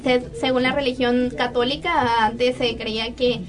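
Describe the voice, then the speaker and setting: A woman's voice: fairly high pitch, steady tone, measured pace, distant mic. A young woman, chatting in a group discussion and telling a story with acted-out quoted voices.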